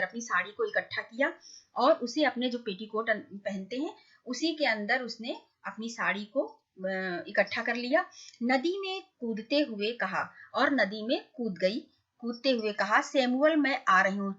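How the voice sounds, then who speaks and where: A woman's voice: on the high side, pushed and bright, lo-fi sound. A woman teacher reading a story to children and stopping to explain each line with questions to the class.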